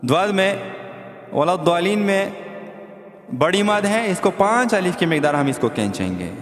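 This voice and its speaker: A man teaching Quran recitation who explains letter sounds and chants the verses slowly. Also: high voice, big pitch swings. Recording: echoey hall with faint music.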